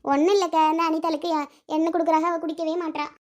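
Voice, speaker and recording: A woman voicing a soft-spoken young woman in a cartoon, explaining things mildly. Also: very high voice, level tone, fast talker. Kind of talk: cartoon voice acting.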